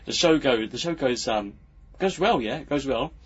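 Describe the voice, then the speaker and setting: A man's voice: mid-range voice, lively intonation, normal speed, husky, dull audio. A man and podcast host telling a casual, rambling story full of ums and restarts. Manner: rambling, hesitant, lots of ums. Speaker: podcast host and unicycle performer. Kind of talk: casual anecdote.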